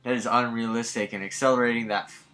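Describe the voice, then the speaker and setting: A man's voice: mid-range voice, steady tone, quick pace, pushed and bright, lightly acted. A man voicing an uptight, irritable teenage girl top student who speaks in a stern, scolding way. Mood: disgusted.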